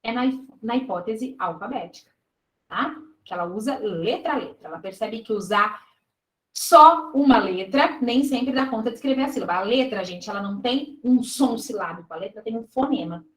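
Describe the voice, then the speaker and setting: A woman's voice: on the high side, expressive, normal speed, reverberant, rough recording. A woman teaching an exam-prep lesson in Brazilian Portuguese. She explains step by step and keeps checking in with her students. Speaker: teacher reviewing exam questions.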